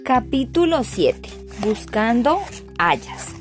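A woman narrating a storybook with even, clear delivery, faint music behind her. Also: a little high, takes it slowly. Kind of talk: storybook reading.

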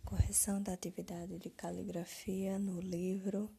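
A woman teacher reads out answer keys for young pupils, slowly and deliberately, spelling words out. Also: mid-range voice, little pitch movement, gravelly, mellow, slightly rough. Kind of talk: slow classroom answer-key reading.

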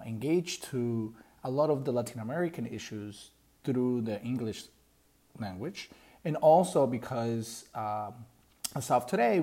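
A man's voice: medium pitch, warm tone. A man from Colombia with a Colombian Spanish accent, a native Spanish speaker, hosting a solo podcast and explaining politics earnestly with frequent fillers. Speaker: podcast host.

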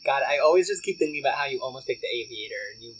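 Animated rambling podcast co-host, male. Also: medium pitch, rapid-fire, a crowd in the background, poor audio. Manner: emphatic, rambling with many fillers. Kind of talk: casual movie chat.

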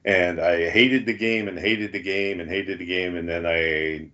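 A man's voice: low voice, fairly even intonation, measured pace, bright, forceful tone. A man hosting a podcast, chatting casually with lots of restarts and fillers. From Canada. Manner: rambling, many restarts and fillers. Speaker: podcast host. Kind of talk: casual chat. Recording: dull lo-fi sound.

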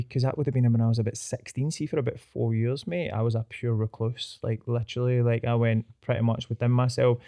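Mellow man with a Glasgow street accent. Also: medium pitch. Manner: slangy, sweary, peppered with "mate". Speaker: podcast guest. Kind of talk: casual chat, personal anecdotes.

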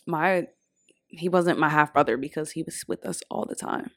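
A young woman co-hosting a podcast, talking casually and hesitantly, often pausing and restarting. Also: low voice. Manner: hesitant, full of restarts and fillers. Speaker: podcast co-host. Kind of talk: casual chat.

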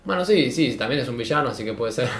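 A man's voice: medium pitch, lively intonation, fairly quick. Hedging man in an echoey room. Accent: Rioplatense Spanish. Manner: short interjections, hedging. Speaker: podcast co-host. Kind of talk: casual chat.

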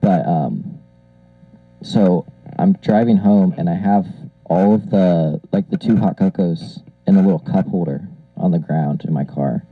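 A young male podcast co-host talks through an old karaoke mic that sounds like a cockpit intercom, muffled and dry. His voice sits a little low, and he rambles with lots of fillers and laughs. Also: a little slow, husky, dry recording. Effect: muffled karaoke-machine mic, like a pilot on an intercom. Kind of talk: casual chat. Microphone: old karaoke machine microphone.

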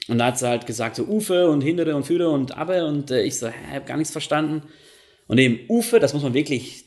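A man talks through his podcast in a relaxed, rambling way. He often pauses with fillers and corrects himself as he goes. His voice sits at a middle pitch. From Germany. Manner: chatty, many fillers and self-corrections. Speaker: podcast host. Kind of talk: casual monologue.

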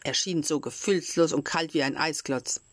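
A woman reading a children's story aloud in a calm, measured way. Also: low-pitched, no room sound. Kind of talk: audiobook reading of a children's classic.

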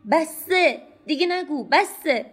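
A woman voicing a distraught, poor young wife who rails loudly and pleadingly at an unseen husband. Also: on the high side, creaky, faint music behind. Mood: shouting. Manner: agitated, loud and pleading.

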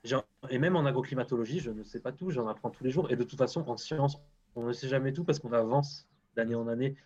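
A man's voice: mid-range voice, fast talker, darkish tone, lo-fi sound. A man speaking as a guest scientist in a casual interview, frank and hesitant, often restarting his sentences.

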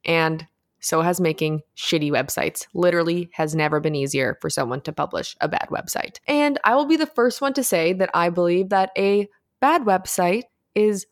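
A woman's voice: on the low side, moderate pace. A woman hosting a casual solo podcast, giving advice in an upbeat, tidy vlogger style with chatty, slangy informality. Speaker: podcast host.

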